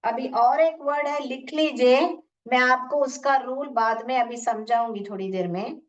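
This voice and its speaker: A woman with an Indian accent teaching English phonics in an online class, repeating sounds slowly and asking questions. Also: a little high, fairly even intonation. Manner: slow, repeats sounds and words, asks questions. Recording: muffled, distant from the mic.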